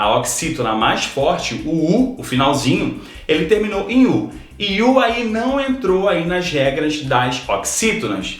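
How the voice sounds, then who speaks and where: A Brazilian man gives an exam-prep grammar lesson in a patient, friendly teaching voice. His pitch sits a little high and moves around with lots of life. The room around him is echoey. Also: a bit bright. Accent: Brazilian Portuguese. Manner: explains patiently, checks in with "tá?" and "ó".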